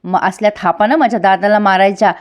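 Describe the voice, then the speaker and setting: A woman's voice: medium pitch, fast talker, clean tone, close to an everyday voice. A woman voicing a bullying greedy man. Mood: threatening. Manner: shouting threats, harsh demands. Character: angry bullying middle-aged man, greedy.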